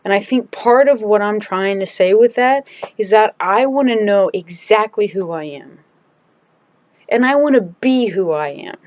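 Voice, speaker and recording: Muffled and dry, the audio captures a woman with a mid-range, slightly mellow voice making a casual video diary at home. Talking frankly and forcefully into the camera, she gropes for words, starts over and lets sentences trail away.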